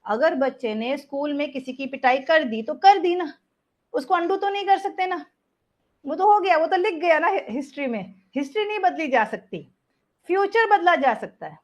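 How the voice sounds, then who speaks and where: A woman's voice: high-pitched, lively intonation, normal speed. A woman leading a parenting workshop, mixing Hindi and English and often asking "right?". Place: workshop room with an audience. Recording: dull lo-fi recording.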